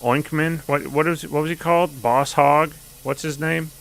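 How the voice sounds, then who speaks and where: A man's voice: on the high side, fairly even intonation, normal speed, vocal fry, fairly bright tone. A man streaming a video game, chatting casually with jokes and swearing as he plays. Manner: chatty, joking, profane. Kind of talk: casual gameplay commentary.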